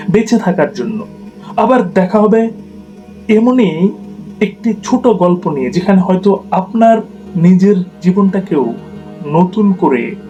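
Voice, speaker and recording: A man telling a reflective story in a soft, measured narration voice. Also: high voice, poor audio.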